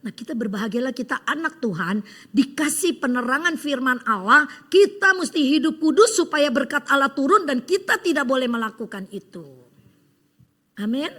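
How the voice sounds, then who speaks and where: A woman preacher giving a lively sermon, telling a joke with acted voices and calling for amens from the congregation. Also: high voice, moderate pace. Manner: engages the congregation with call-and-response.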